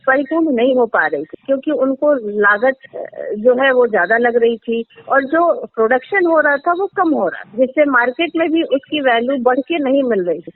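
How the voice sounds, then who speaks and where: A woman answering radio interview questions about her farming work, earnest and explanatory with some hesitations. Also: sits high. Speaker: interviewee, moringa farming entrepreneur. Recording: dry tinny phone line.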